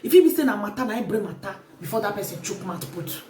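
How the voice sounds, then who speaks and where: A woman vlogger speaks quickly with lively intonation in a mellow, mid-range voice and a Nigerian Pidgin accent, repeatedly urging her viewers with life advice in a casual monologue. The mic is set far off in an echoey room.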